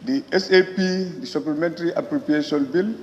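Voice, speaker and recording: A man with a Gambian accent, a member of parliament, gives a parliament speech in deliberate, halting phrases. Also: on the high side. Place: large parliament chamber. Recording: echoey hall, muffled, faint noise.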